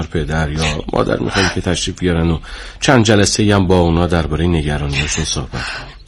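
Soothing clinic therapist, low voice, calm and reassuring, TV drama. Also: male voice, a little hiss or hum. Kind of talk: TV drama acting.

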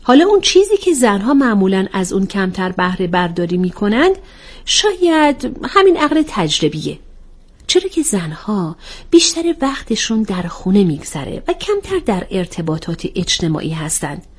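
A woman voicing a calm young woman who patiently explains things in a storybook reading. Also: medium pitch, breathy edge. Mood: explaining.

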